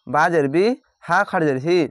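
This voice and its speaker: A man teaching Quran reading, spelling each letter and vowel mark slowly before reciting the word drawn out. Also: fairly high pitch, fairly bright tone, dry recording, studio quality.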